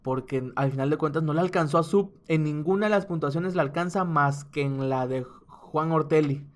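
A man with a Mexican accent, hosting a casual, joking commentary on rap battles in an animated, slangy way. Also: fairly high pitch, normal speed. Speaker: host.

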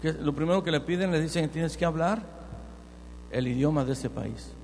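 A man's voice: fairly high pitch, moderate pace, in a large hall, slight background noise. A man preaching a sermon to his congregation as a rabbi, mixing in a playful Hebrew lesson and often checking in with his listeners. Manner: constantly checks in with the audience with "right?"; lively, playful teaching with repetition drills.

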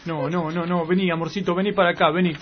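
A man playing a smooth-talking cheating middle-aged husband, coaxing and pleading in a radio comedy. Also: high-pitched, fairly even intonation, fast, dull audio, noisy background, natural voice.

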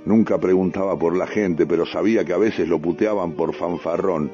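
A man with a Rioplatense accent reads a first-person story on the radio, unhurried and full of street slang. His voice is low and mellow. The sound is a dull radio broadcast with faint music underneath. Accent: Rioplatense Spanish. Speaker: radio host reading a story.

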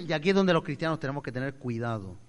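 Expressive male pastor preaching. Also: a little high, fast talker. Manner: expressive, acts out voices, swings loud to soft. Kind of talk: sermon.

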